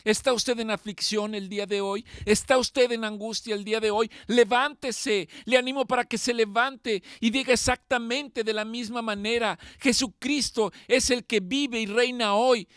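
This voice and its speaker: A man preaching a sermon, swinging between loud pleading and quiet, slow passages. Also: very high voice, fairly even intonation, clean tone, no echo, clean studio sound.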